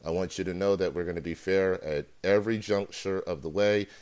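A male host of a live talk show with a somewhat low, smooth voice. He talks hesitantly and fills his pauses with ums and uhs. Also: fairly even intonation, darkish tone.

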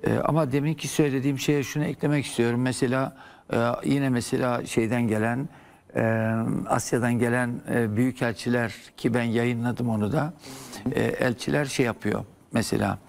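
An older man speaks as a historian guest on a television talk set, his voice carrying a gravelly, creaky texture. He explains at length, filling gaps with hesitant sounds as he searches for words, in a professorial, patient manner. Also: mid-range voice, steady tone, fairly quick, a little mellow. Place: TV studio.

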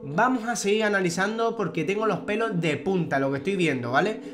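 A young man from Spain tells the story in a rush, swearing freely and repeating himself. His voice sits high for a man, and his casual commentary feels breathless with excitement. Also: fairly quick, background noise. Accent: Spain Spanish. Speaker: youtuber narrating a replay.

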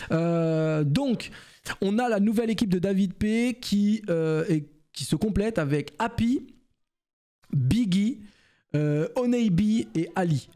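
A man's voice: on the high side, mellow. A man hosting a casual esports news commentary, chatty and full of fillers and restarts.

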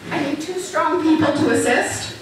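A middle-aged woman with a high voice speaks at normal speed as a talent show performer, giving an audience informal, encouraging instructions to join in. She talks into a handheld microphone through a PA in a large indoor church hall, picked up by a far-off camera. The sound is distant and echoey, with noisy audience chatter throughout.

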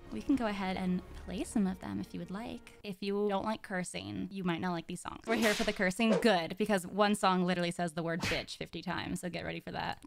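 A woman's voice: fairly low pitch, vocal fry. A woman streaming in character as a demon monarch, talking in a playful, teasing, giggly way.

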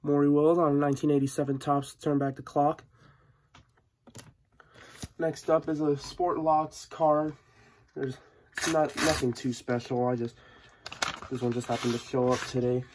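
A man with a stuffy, sniffling head cold hosts a casual unboxing vlog, talking with mild excitement. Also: fairly high pitch, measured pace, long pauses, slight background noise. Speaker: host of a sports card unboxing channel. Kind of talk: casual mail-day vlog narration. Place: indoor room at a tabletop.

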